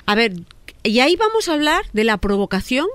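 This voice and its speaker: A woman's voice: on the high side, a little fast, smooth, no room sound. A woman, telling a story with emphasis on a talk show panel. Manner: expressive, emphatic, repeats "a ver". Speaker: panelist explaining psychology.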